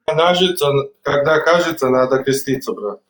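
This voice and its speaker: A man's voice: a little high, lively intonation, moderate pace, a bit bright. A man speaking with sarcastic, mocking banter on an informal live stream.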